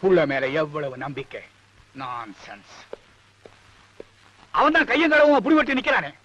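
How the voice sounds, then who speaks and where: A middle-aged actor playing a strict, blustering army-major father who barks gruff English curses. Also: high voice, huge pitch swings, normal speed, sharp tone, highs cut off, heavily acted. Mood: stern.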